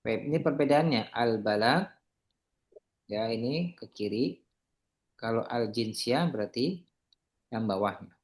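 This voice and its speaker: Teacher voice, patient relaxed explainer, steady mid pitch, casual tutoring tone. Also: unhurried, long pauses. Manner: explains patiently, mixing Arabic drill words into relaxed talk. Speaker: Arabic teacher.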